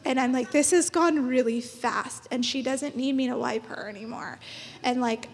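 A woman's voice: high voice, normal speed. A woman in her thirties speaking on a church panel in a chatty, encouraging way, laughing often. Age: 30s. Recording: long hall reverb.

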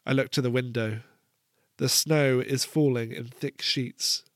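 A man reading a first-person story aloud with a measured, wry delivery. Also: medium pitch, steady tone, no echo, studio quality. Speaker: narrator.

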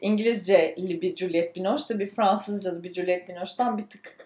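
A woman co-hosting a podcast, giving lively, opinionated views on films in a casual chat. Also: lowish voice, a little fast. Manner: animated, opinionated, laughs easily. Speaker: podcast co-host. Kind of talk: casual film discussion.

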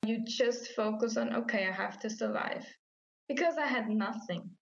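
An Austrian woman, a native German speaker with an Austrian German accent, tells her story as an interview guest and acts out her own past thoughts. Her voice is a little high with vocal fry at a moderate pace, and the slightly dull lo-fi recording has a faint hiss or hum.

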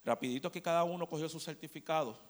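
A male preacher tells a story to his church in an animated way, now and then asking the room to agree. His voice sits a little high for a man. It carries a long reverb from the sanctuary. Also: quick pace. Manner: animated storyteller, asks the congregation "¿verdad?". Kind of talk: storytelling sermon.

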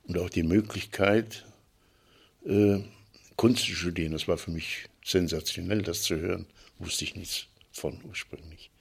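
Husky low-voiced older man reminiscing. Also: steady tone. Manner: reflective, halting storyteller with pauses and restarts. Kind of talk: recounting childhood memories.

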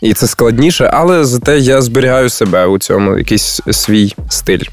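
A man's voice: mid-range voice, normal speed. Candid male guest, faint music. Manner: relaxed, candid, with a laugh. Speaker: guest, blogger and speech teacher. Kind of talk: radio interview answers. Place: radio studio.

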